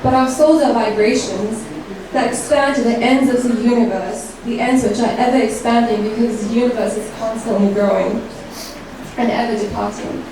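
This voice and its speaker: A woman performing a reflective spoken-word poem with slow, lyrical delivery. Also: a little high, steady tone. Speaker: poet. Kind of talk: spoken-word poetry reading. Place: live event room. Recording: echoey room heard from far off with background noise.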